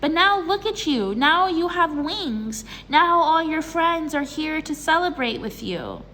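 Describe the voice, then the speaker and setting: Casting: excitable woman tarot reader, high and very lively voice, long room reverb. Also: measured pace, slight background noise. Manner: bubbly, excitable, chatty. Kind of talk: casual tarot reading. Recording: reverberant room with faint ambience.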